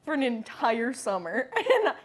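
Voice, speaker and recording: A woman's voice: a little high, very animated, unhurried. Laughing, swearing young woman. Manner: laughs often, swears freely. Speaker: podcast co-host. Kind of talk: casual chat.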